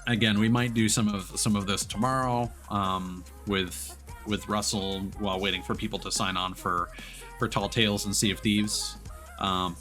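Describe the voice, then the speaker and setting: On a video game livestream, a man with a lowish, sharp-toned voice gives casual commentary, explaining things as he plays.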